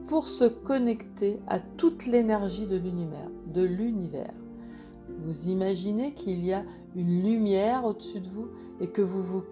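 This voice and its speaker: A woman leads a guided meditation in a calm, gentle, soothing way, unhurried and with pauses. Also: mid-range voice.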